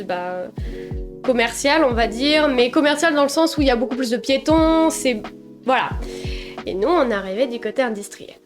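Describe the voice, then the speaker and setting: A young woman talks straight to her audience in a casual storytime. Her voice sits high, and she tells her mishaps in a lively, self-mocking way. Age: young adult. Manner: animated, self-mocking, chatty. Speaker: vlogger.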